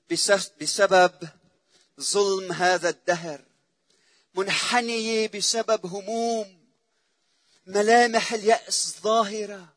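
A man preaching a sermon, emotive and repetitive, swelling loud then dropping to a hush. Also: high voice, no echo.

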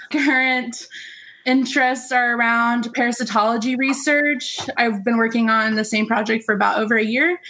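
A woman in her twenties from Oklahoma, a veterinary student guest speaking in a steady, composed way. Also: on the high side. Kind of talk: casual interview.

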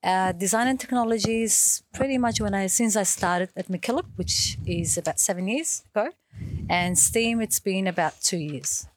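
A woman from Iraq in her thirties, a teacher answering questions on a school radio show, speaking warmly and hesitantly with many fillers. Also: medium pitch, moderate pace, slight background noise. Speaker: teacher being interviewed.

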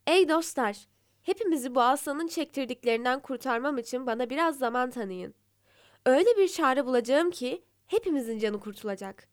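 A woman's voice: sits high, lively intonation, fairly quick, no room sound, studio quality. A woman voicing a small, clever, brave hare in a storybook fable. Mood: resolute. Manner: pleading, cunning.

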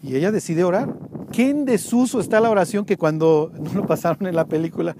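Mexican man preaching outdoors, loud noise. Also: sits high, fairly quick. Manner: lively storytelling, acts out biblical voices. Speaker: tour guide preacher. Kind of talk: outdoor Bible teaching. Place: outdoors at a site.

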